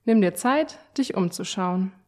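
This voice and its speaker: A woman with a mid-pitched voice narrates an audio walk. Her tone is gentle and reassuring, gently leading the listener along. The reading is clearly scripted. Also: expressive, a little slow.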